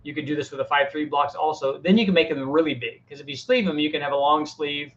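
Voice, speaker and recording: A man's voice: on the high side, steady tone, fast talker, fairly bright tone, highs cut off. Plain-spoken man answering engine questions. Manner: plain-spoken, technical, restarts sentences. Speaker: host answering viewer questions. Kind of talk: casual live Q&A. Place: home workshop with a fan running.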